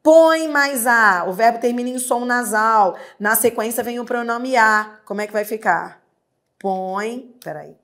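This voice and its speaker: Slow, patient Brazilian woman teacher. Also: a little high, fairly bright tone. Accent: Brazilian Portuguese. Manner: patient, drawn-out explanations, asks and answers her own questions. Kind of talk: exam-prep grammar lesson.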